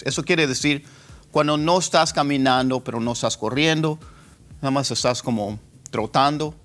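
A man teaching English pronunciation, repeating example words slowly as drills. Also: medium pitch, a bit bright. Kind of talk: pronunciation lesson.

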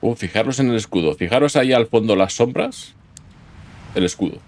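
A man's voice: medium pitch, animated, a little fast, a little mellow, slight background noise. A man giving casual gameplay commentary, chatting to himself as he plays and letting out sudden yelps. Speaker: gaming YouTuber. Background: game music.

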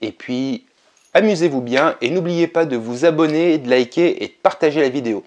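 A man narrating a casual vlog, relaxed and chatty, with frequent hesitations. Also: a little high, moderate pace. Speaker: video game collector vlogger.

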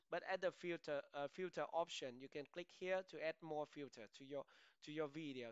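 A man talking through a screen-recording software tutorial from his home studio, in a halting way that often restarts phrases. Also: fairly high pitch, smooth, no room sound, highs cut off.

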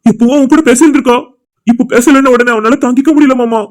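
A man's voice: very high voice, steady tone, quick pace. A man voicing an anxious young man in a cartoon drama, who speaks earnestly and pleads for his friend. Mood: pleading. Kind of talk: cartoon voice acting.

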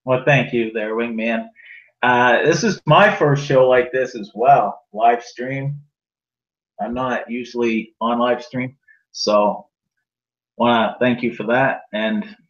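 A man's voice: mid-range voice, slow pace, long pauses, a bit bright. Easygoing man on an echoey, muffled webcam. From rural New Brunswick, Canada. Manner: easygoing, plain-spoken, with light laughs. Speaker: guest. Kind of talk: casual interview chat. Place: room at home. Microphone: webcam on a video call.

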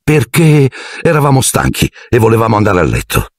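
Man doing a anxious schoolboy, defensive, higher voice, husky. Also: wildly swooping pitch, brisk, dry recording, studio quality. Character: nervous twelve-year-old schoolboy wizard.

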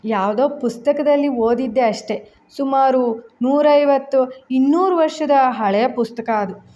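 A curious young man, voiced by a woman reader, presses with question after question. His lines come in a high, slow voice. The recording sounds dull and lo-fi. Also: mellow. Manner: inquisitive, questioning.

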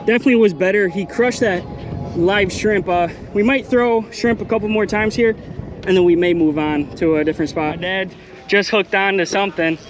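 A young man in his twenties giving chatty, excited running commentary while fishing from a small boat, recorded on a body-worn action camera. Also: high voice, normal speed. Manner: excited, chatty, calls viewers "guys" and "bro". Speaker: fishing vlogger host. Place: outdoors on a small boat on a bay. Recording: music playing underneath.

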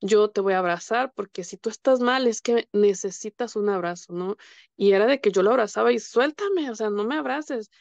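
A woman's voice: mid-range voice, a little fast, a little mellow, dry recording, muffled recording. A woman sharing a personal faith testimony in a conversation, telling it earnestly and with feeling. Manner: earnest, emotional storytelling, quoting her husband and prayers.

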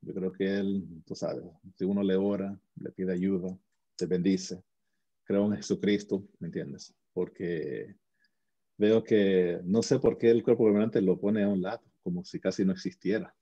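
A man with a very dark, husky voice speaks as an interview guest, earnest and conversational. He restarts his sentences often and keeps checking in with tag questions. The audio is muffled and lo-fi. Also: low-pitched, steady tone, unhurried. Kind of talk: casual conversational storytelling.

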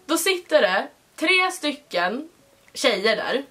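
High-voiced chatty young woman. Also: a little hiss or hum. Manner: chatty and animated, full of fillers. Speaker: vlogger host. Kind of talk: casual confessional storytelling.

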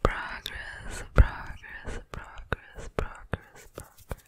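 Woman as a sleep clinician in an ASMR roleplay, slow breathy whisper doubled in layers. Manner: slow, soft whispered repetition.

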